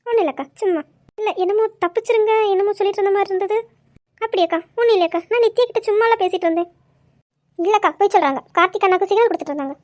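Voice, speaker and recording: Woman doing a sneaky teen girl cousin, quick and very high. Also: darkish tone. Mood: innocent. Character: sly teenage girl cousin, playing innocent.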